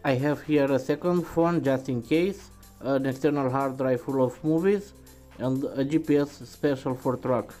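Man calmly listing packed items. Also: mid-range voice, moderate pace, soft background music, rough recording. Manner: plain, steady listing of items. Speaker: truck driver vlogger. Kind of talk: scripted voice-over narration.

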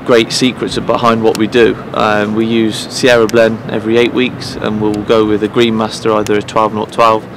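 A man in his thirties, a head groundsman, speaking earnestly to camera outdoors at pitch side in an empty stadium, pausing often with fillers and restarts. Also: level tone, noisy background. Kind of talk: promotional interview to camera.

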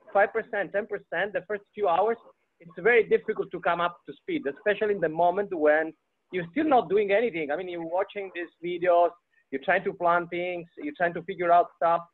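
A man with a fairly high voice asks a question on a webinar, hesitating and searching for his words. His voice comes through thin and phone-like. He keeps filling his pauses as he works his way to the point. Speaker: webinar participant asking a question. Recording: tinny call audio.

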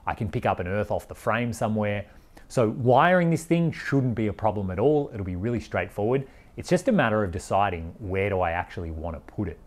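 With a lowish, darkish voice, this Australian vlogger in his forties, an overland traveller, gives frank, plain-spoken explanations in a casual vlog. He's recorded indoors in a workshop garage and also sitting in a vehicle.

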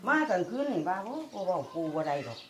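A woman's voice: fairly low pitch, lively intonation, fast. An older woman with an Isan accent telling a dream in a rambling way, repeating her words. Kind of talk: casual storytelling. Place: outdoors among a group of reporters.

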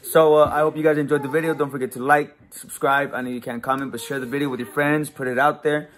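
A man's voice: mid-range voice, little pitch movement, fast talker, fairly bright tone. A man in his twenties hosting a casual vlog, chatting with family around a table. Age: 20s. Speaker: vlog host. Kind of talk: casual chat with siblings. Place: indoors, wood-panelled dining room at a table. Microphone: camera across the table. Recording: echoey room, clear background noise.

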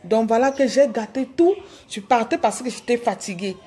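A woman's voice: a little high, normal speed, mellow, breathy edge. A woman on a phone live stream, pleading with her followers, repeating herself with hesitant restarts. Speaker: livestreamer addressing her followers. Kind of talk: live video apology.

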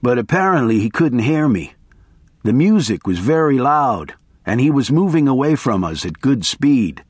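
A man reading first-person narration for an audiobook in a lively storytelling manner. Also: medium pitch, normal speed, breathy edge, no room sound, clean studio sound.

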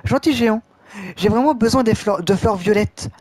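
A man's voice: high voice, moderate pace, a little mellow, dry recording, voice pushed up. A man voicing a polite, persuasive female witch in a game story, reading with stumbles. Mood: pleading. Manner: clumsy read-aloud, stumbling over words.

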